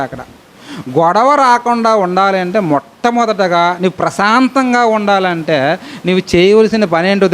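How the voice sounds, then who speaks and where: A middle-aged man teaching a Bible lesson as a sermon, lively and full of rhetorical questions. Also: high voice, slight background noise. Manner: animated, asks many rhetorical questions.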